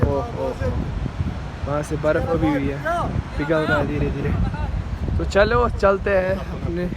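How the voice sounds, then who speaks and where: A man's voice: fairly high pitch, very noisy. A young man chatting casually as he narrates a travel vlog while walking outdoors in the mountains, recorded on a handheld phone. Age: young adult. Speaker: vlogger.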